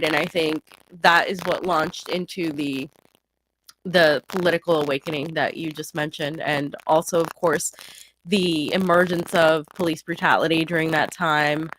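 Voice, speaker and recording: A woman comes through a crackling, distorted microphone on a video call, a faint layer of static running under her voice. Her voice sits a little low. She speaks earnestly and thinks aloud, often restarting her phrases. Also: a bit bright. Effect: crackling, distorted mic. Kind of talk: remote conversation on politics.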